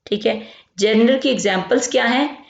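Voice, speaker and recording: A woman from Pakistan teaching a grammar lesson. She explains slowly and keeps checking in as she repeats each term. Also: a little high, creaky. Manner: explains slowly, repeats terms, says "theek hai" often. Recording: lo-fi echoey room.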